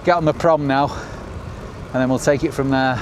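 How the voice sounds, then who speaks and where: A man's voice: mid-range voice, steady tone, measured pace. A middle-aged man with a northern English accent gives casual, chatty ride-along commentary outdoors, upbeat like a travel show host. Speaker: cycling vlogger. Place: outdoors on a bicycle. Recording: noisy outdoor recording, wind and traffic.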